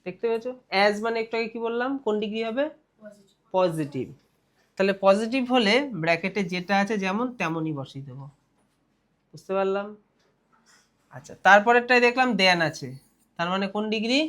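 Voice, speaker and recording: A man's voice: high-pitched, expressive, fairly quick, long pauses, a bit bright. A young man with a West Bengal Bengali accent, teaching a grammar lesson for an exam. He keeps asking questions and answering them himself, drawing out the key words.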